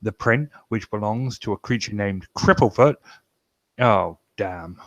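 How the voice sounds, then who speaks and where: Low-voiced, irreverent man on a casual podcast. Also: unhurried, no echo. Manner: irreverent, swears freely. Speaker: podcast co-host reading stories. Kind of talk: casual banter and loose story reading.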